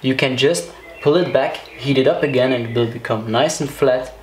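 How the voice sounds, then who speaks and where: A man's voice: mid-range voice, normal speed. A man hosting a DIY video, casually explaining things step by step in a conversational way. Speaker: host of a DIY car series. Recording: roomy echo, clear background noise.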